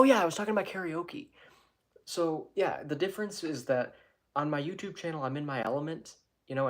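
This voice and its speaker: Rambling man chatting in a casual vlog. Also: mid-range voice. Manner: rambling, with many restarts and self-corrections. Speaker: YouTuber. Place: his own room.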